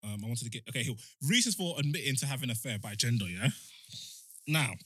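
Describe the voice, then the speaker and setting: A man's voice: mid-range voice, animated, fast talker, pushed and bright, slightly rough, no echo. A young man with a London accent, co-hosting a podcast in casual chat and reading out figures. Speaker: podcast co-host.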